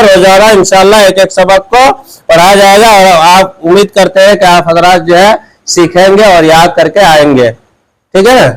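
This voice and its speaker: A man teaching Quran reading in a call-and-response lesson, asking questions and answering them himself, and drilling syllables slowly. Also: sits high, low-quality recording.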